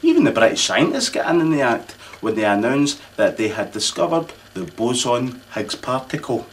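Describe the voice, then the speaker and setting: A Scottish-accented man with a mid-range voice and big pitch swings speaks at a moderate pace, with a little hiss or hum in the recording. As the comic host of a mock royal address, he delivers a pompous, rambling, mock-formal Christmas speech full of local slang.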